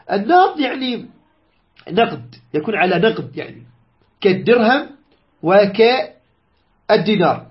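Man, high-pitched voice, jurisprudence teacher, unhurried explanation, repeats phrases, hesitant "aah" pauses, dull lo-fi recording. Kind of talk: classroom lesson explaining a legal text.

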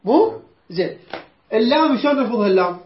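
A woman's voice: fairly high pitch, animated, quick pace. Iraqi lady teaching quran, keeps repeating and asking the class, dull lo-fi sound. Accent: Iraqi Arabic. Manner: patient, repeats words and quizzes students. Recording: roomy dull lo-fi recording.

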